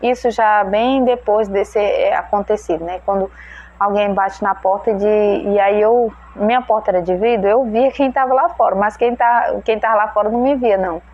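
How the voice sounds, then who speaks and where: A woman's voice: medium pitch, normal speed, dull audio. A mother retelling a personal religious testimony, emotional and prayerful, often voicing her own prayers aloud. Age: adult mother. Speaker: testimony speaker.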